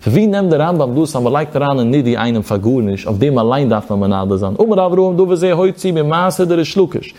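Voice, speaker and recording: A man's voice: a little high, fast, hardly any pauses, mellow. A man giving a Talmudic study lecture as a religious teacher, in a sing-song study cadence that swoops up and down.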